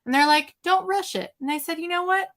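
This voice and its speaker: A woman of about forty chats casually as a podcast co-host, telling a little story in a relaxed way. Her voice sits high for a woman. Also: a little fast. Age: 40s. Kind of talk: casual chat.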